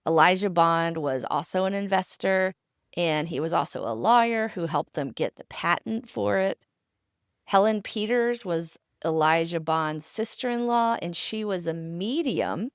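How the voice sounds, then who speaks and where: Woman podcast host, low-ish voice, relaxed conversational storyteller, dry close sound. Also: a little slow, clear, resonant tone, no echo. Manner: chatty and conversational, with asides. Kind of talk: casual history storytelling.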